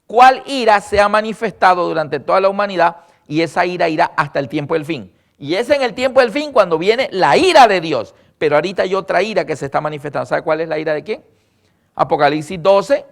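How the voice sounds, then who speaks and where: A man preaching a sermon on prophecy, animated and acting out the voices he quotes. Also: high voice, fairly quick, gravelly. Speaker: lecturer on prophecy.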